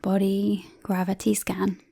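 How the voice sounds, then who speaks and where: In a creaky, mid-range voice, a woman leads a guided relaxation. She keeps things soft, breathy, and often nearly whispered, soothing and calm, with long pauses throughout.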